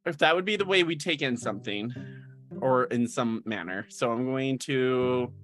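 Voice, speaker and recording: A man's voice: medium pitch, expressive, normal speed, a bit bright, soft background music. A man co-hosting a podcast in casual chat, joking, laughing often and hesitating as he guesses at answers. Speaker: podcast co-host.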